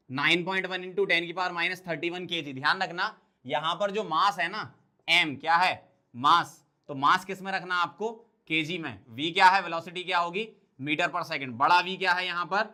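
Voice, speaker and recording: A male chemistry tutor, teaching an exam-prep lecture. His voice is slightly high and very bright and sharp. He drills the material quickly, asking questions and answering them himself.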